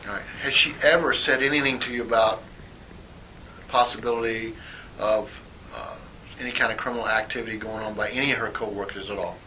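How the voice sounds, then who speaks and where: Recorded on a hissy old interrogation tape with poor audio, a man questions a witness in an interview room as an internal affairs sergeant. His fairly low voice is steady yet pushed and bright, and he reads out formal sworn statements in a measured, procedural manner.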